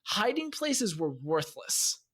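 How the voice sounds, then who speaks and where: A man's voice: sits high, big pitch swings, takes it slowly, fairly bright tone. A man co-hosting a gaming podcast, explaining game mechanics analytically in casual chat. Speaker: podcast co-host.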